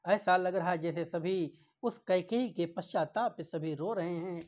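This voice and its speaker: A male teacher explains a poem line by line, reading the verses in a slow, measured way. He then restates each one with emphasis. The recording sounds dull and lo-fi. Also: sits high. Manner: reads verses slowly, then paraphrases them with emphasis.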